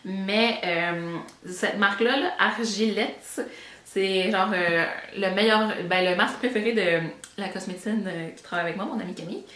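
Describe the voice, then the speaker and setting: In a roomy-sounding space, a young Québécois beauty vlogger chats casually and rambles about her beauty purchases, slipping English words into her French. Her voice is medium-pitched and a bit bright, at a normal speed.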